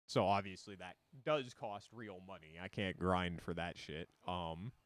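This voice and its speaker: A man's voice: low voice, steady tone, unhurried, no echo. A man streaming a card game, explaining it in loose, rambling casual talk full of fillers.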